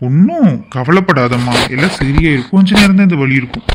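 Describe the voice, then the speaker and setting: A man's voice: fairly high pitch, animated, fast, noisy background, close to an everyday voice. A man voicing a fretful, doting young cartoon husband at his wife's delivery. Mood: reassuring. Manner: fretful and gushing. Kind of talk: cartoon voice acting.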